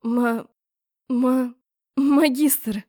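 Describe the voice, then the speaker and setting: A woman voicing a flustered young woman student who pleads in high, shrill outbursts. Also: steady tone, drawn-out words, mellow, dry recording, studio quality, heavily acted. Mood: pleading, panicky.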